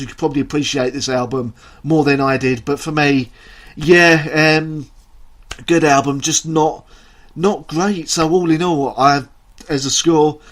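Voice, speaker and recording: A man with an Essex accent giving a casual, rambling, self-deprecating album review straight to camera. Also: on the high side. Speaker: music reviewer.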